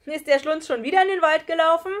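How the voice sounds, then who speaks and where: A woman's voice: sits high, quick pace, pitched above the performer's own voice, close to an everyday voice. A woman voicing a mocking schoolboy bully in a children's storybook, taunting in a scornful tone.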